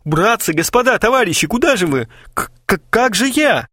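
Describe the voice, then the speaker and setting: A man's voice: extremely high pitch, big pitch swings, normal speed, creaky, fairly bright tone, no echo, clean studio sound, pitched above the performer's own voice, full character voice. A man voicing a panicky, stingy young man who whines, stammers and pleads. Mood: panicked pleading.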